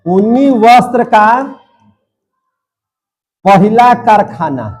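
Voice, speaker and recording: Young male teacher, high voice, drills facts by question and repeated answer. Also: extremely slow, a little mellow, breathy edge. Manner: call-and-response drilling, repeating each answer. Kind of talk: classroom lecture.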